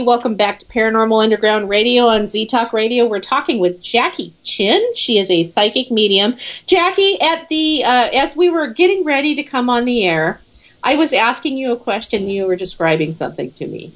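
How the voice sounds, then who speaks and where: A woman's voice: fairly high pitch, animated, fairly quick. A woman radio host interviewing a guest in a conversational way.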